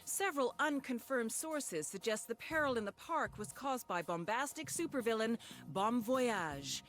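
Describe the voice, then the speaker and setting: A woman's voice: fairly high pitch, expressive, measured pace, a bit bright. A woman voicing a TV news anchor in a video game, reading a scripted report with an upbeat broadcast delivery. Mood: chipper.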